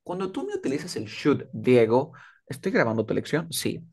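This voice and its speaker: A man tutoring English one-on-one over a video call, patiently repeating words slowly to show pronunciation. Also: mid-range voice, wildly swooping pitch, breathy edge. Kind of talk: one-on-one online English lesson.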